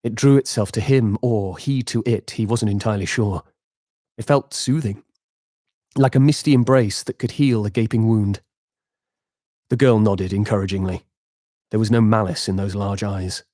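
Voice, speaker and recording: A man narrating a game epilogue as game master, with measured, dramatic storytelling. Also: on the low side, fairly even intonation, mellow, dry recording, clean studio sound.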